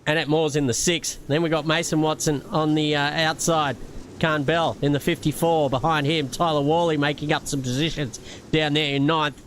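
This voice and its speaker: A man giving live sim racing commentary, jokey and punning, with filler pauses. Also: fairly high pitch, steady tone, a bit bright, a little hiss or hum. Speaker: race commentator. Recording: music playing behind the voice. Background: background music.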